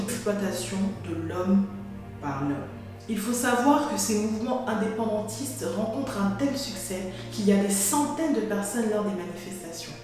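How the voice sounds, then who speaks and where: A woman narrates a history lesson, speaking straight to her viewers and telling the story clearly. Her voice rings through a very echoey room, with soft music playing faintly underneath. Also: medium pitch. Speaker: history explainer. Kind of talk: educational narration to camera.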